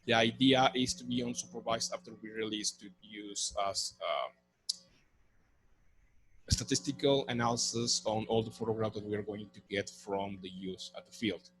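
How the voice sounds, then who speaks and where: Man, presenter, low voice, technical Q&A answers, faint music behind. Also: fairly even intonation, normal speed, a bit bright, poor audio. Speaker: conference presenter. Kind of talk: answering audience questions.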